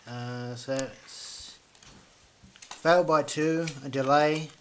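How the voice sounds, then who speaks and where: A man playing a tabletop game, reading out dice rolls in a quick, matter-of-fact way. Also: mid-range voice, steady tone. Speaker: player. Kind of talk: casual tabletop game chat. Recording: clear background noise.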